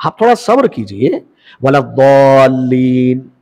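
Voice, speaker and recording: A man's voice: sits high, big pitch swings, normal speed, a bit bright, in a large hall. A man teaching a religious lesson, explaining prayer rules and putting questions to his listeners before answering them himself. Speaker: Islamic teacher.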